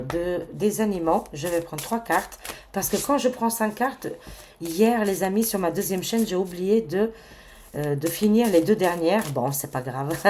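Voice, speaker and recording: A woman reading tarot cards for her viewers in a casual, chatty way, full of fillers and excited exclamations. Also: lowish voice, slight background noise. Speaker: tarot card reader.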